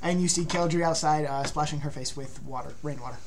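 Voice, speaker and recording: Woman dm making up the story as she goes, kinda halting and casual, people chattering around the table. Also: deep voice, crowd noise. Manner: halting, casual, conversational narration. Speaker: game master. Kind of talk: improvised tabletop game narration. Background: other players talking and laughing.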